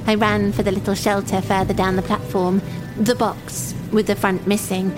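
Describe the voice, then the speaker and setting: Woman as timid young runaway, high-voiced, over music. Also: close to an everyday voice, poor audio. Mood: hopeful, wistful. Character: lonely, timid young runaway waiting for a train, childlike and wistful. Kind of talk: first-person audio drama monologue.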